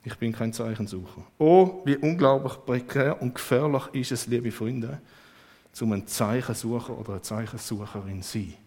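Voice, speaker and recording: A man preaching a sermon, lively and emphatic, with sudden swings in loudness. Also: mid-range voice, normal speed.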